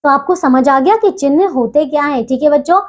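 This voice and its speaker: A woman teaching a grammar lesson to children, patient and steady, pausing between phrases and often checking they follow. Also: high voice, highs cut off. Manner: patient, keeps asking "theek hai bachchon?"; leaves deliberate pauses between phrases.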